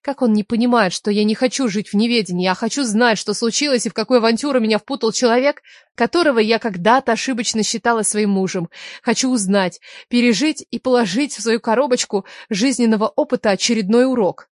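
A woman narrating a first-person romance audiobook with an expressive, emotional reading. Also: a little high, fast, no echo, clean studio sound.

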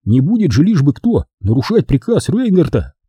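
A man voicing an excitable young partisan. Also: fairly high pitch, normal speed, slightly rough, dry recording, lo-fi sound, pitched above the performer's own voice, full character voice. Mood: excited. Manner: eager, excitable outbursts. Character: impulsive young male partisan scout.

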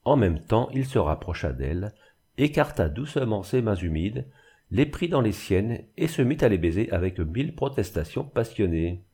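A man giving a measured, expressive scripted narration of a classic novel as an audiobook reader. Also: fairly low pitch, breathy edge.

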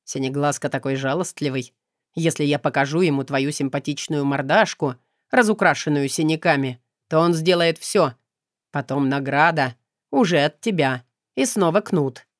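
A woman reading an audiobook, voicing a cruel, mocking young nobleman villain in a low drawl. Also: moderate pace, no room sound, studio quality, close to an everyday voice.

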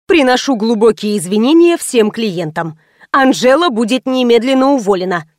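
A woman voicing a stern young female salon owner who gives sharp, commanding orders in an audiobook. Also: high voice, animated, moderate pace, dry recording, studio quality. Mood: controlled.

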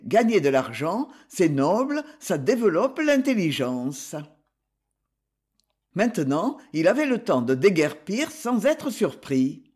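A man narrating a novel aloud in a measured, expressive reading. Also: sits high. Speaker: audiobook reader.

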